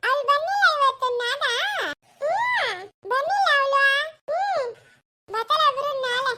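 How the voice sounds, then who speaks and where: A woman playing a sharp-tongued village woman who teases and scolds in a family drama. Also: very high-pitched, expressive, a little slow, exaggerated voice. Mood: teasing.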